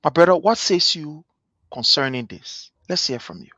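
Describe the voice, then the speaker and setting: A man with a Liberian accent hosting a livestream panel, speaking in a lively, rhetorical way and calling panelists brother. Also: a little high, normal speed, husky, dry recording, highs cut off. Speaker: host.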